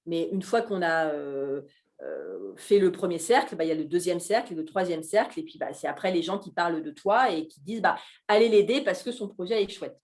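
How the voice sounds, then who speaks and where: A woman's voice: on the low side, fairly quick. Chatty Frenchwoman chef, many fillers. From Alsace, France. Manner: animated, hesitant with many fillers. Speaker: guest chef. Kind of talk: casual talk at a live café event.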